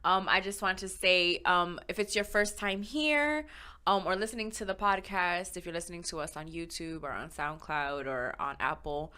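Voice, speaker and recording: A young woman hosts a laid-back podcast, giggling often as she chats. Her voice is bright and crisp, and it comes through clean and smooth. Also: on the low side, moderate pace. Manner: giggly, bubbly, laughs between phrases. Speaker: podcast host. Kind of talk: casual podcast chat.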